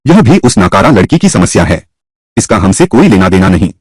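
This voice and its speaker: A man's voice: on the low side, big pitch swings, brisk, breathy edge, dry recording. A man voicing a scheming, harsh middle-aged mother in a dubbed drama, threatening and commanding.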